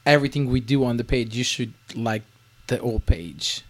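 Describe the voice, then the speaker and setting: Animated man, Italian native speaker. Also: mid-range voice, moderate pace. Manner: animated storyteller, playful and boastful. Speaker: podcast co-host. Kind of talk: casual podcast chat.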